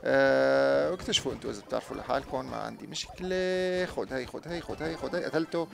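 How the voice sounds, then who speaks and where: A young man, a chatty gaming YouTuber doing let's-play commentary who talks to his viewers and gets loud and excited during play. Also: medium pitch, very fast, gravelly.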